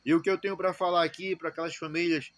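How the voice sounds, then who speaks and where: A man with a Brazilian accent giving a church testimony in a halting way, repeating words and exhorting listeners. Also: on the high side, little pitch movement, a bit bright. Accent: Brazilian Portuguese. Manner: preaching exhortation. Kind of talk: spoken testimony.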